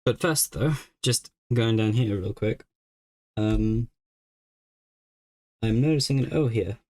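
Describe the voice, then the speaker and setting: A man's voice: fairly low pitch, slow, a little mellow. A young man streaming a game, chatting casually and thinking aloud as he works through a puzzle. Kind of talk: casual live-stream chat.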